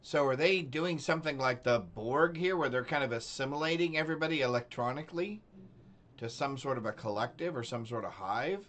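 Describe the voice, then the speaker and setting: A man's voice: mid-range voice, animated, a little fast, a bit bright, a little hiss or hum. Man, gaming streamer, casual commentary, thinks aloud, chatty, curious.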